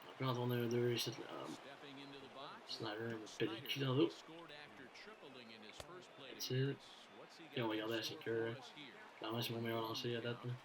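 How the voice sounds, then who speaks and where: Playing a baseball video game, a Quebec French-accented man gives excitable, casual commentary at a moderate pace, pausing often. He shifts between quiet muttering and loud cheers, swears frequently and slips in English phrases. The low-quality recording has a crowd in the background.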